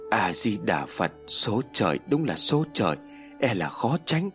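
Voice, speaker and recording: A man voicing an older Buddhist monk who speaks slowly and gravely. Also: on the low side, very animated, a bit bright, faint music behind. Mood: solemn. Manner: slow, solemn, measured.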